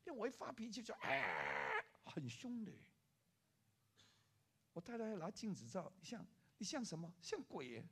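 An older man preaching a sermon as a pastor, telling a story with lively acted-out voices for the people in it. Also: fairly high pitch, husky. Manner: animated preaching, acting out the people in his story.

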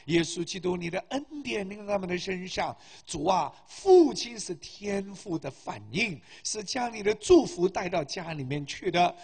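A male pastor with a high, animated voice preaches and prays fervently before his congregation. His voice is a little husky and carries a long reverb from the church hall. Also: moderate pace, few pauses. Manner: fervent preaching, rising to loud exhortations. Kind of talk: sermon and prayer.

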